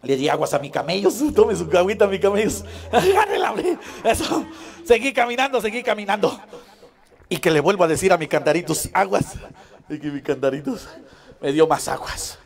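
A man's voice: sits high, animated, normal speed, gravelly. A man performing as a children's party clown at a live show, playful and laughing as he calls out to the kids.

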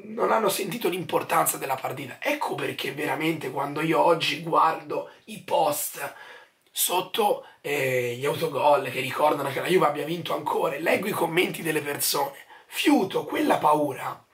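Man in his twenties, hoarse lost voice, gravelly creak, fairly high pitch, casual football commentary. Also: expressive, normal speed, fairly bright tone. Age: 20s. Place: small furnished room at home, indoors.

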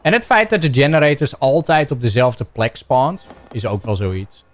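A young man with a Dutch accent giving excitable gameplay commentary, shouting and yelping playfully as he plays. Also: moderate pace, soft background music. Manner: shouty, playful, bursts into silly high yelps. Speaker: gaming YouTuber.

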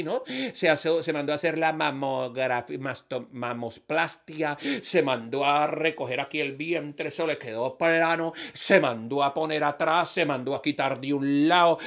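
A Colombian man telling jokes in an animated, repetitive storytelling manner. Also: on the high side. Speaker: comedian. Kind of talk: joke telling.

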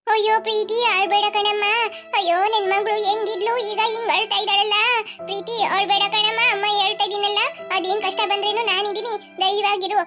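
A woman's voice: very high-pitched, little pitch movement, a little fast, bright, forceful tone. A woman voicing an anxious mother in a cartoon, pleading and soothing her upset family, with music behind. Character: anxious middle-aged mother pleading for calm. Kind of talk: cartoon voice acting. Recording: cartoon dialogue over music.

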